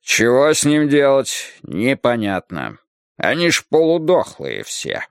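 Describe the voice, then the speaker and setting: A man's voice: mid-range voice, huge pitch swings, slow, no room sound, clean studio sound, heavily acted. A man voicing a coarse, bossy male poultry-plant worker who scolds and grumbles in a storybook reading. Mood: grumbling. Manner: gruff, scolding, crude.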